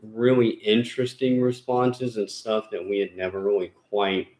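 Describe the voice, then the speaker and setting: Guy hosting a ghost hunting channel, lowish voice, rambly with lots of ums, echoey room at home. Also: level tone, normal speed, darkish tone. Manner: rambling, frequent fillers and restarts. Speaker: paranormal investigator channel host. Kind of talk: casual chat. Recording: roomy echo.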